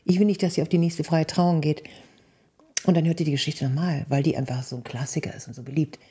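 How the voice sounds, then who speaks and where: A woman's voice: fast, breathy edge. A woman, a wedding officiant, telling wedding anecdotes in a casual chat, acting out dialogue in a raised voice and dropping to whispers. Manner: lively storyteller, acts out dialogue in a high voice, drops to whispers.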